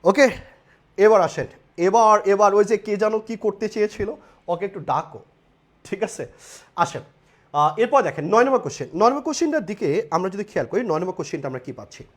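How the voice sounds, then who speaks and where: Young male tutor, live online class; high, animated delivery, repetitive and jokey. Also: brisk. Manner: repetitive, animated, joking asides with students. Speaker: online English teacher.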